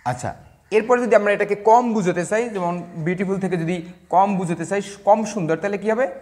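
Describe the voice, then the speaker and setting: High-voiced man teaching grammar slowly. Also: darkish tone. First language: Bengali. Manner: slow and deliberate, spelling words letter by letter, with hesitations. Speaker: English teacher. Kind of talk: classroom grammar lesson.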